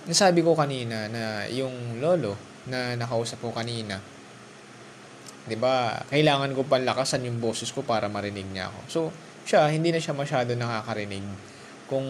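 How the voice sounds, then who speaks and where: A man's voice: mid-range voice, a little hiss or hum. A man giving a casual motivational talk alone in his room, switching freely between Tagalog and English and addressing the listener directly. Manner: chatty, mixes Tagalog and English, talks straight to the listener. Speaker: vlogger.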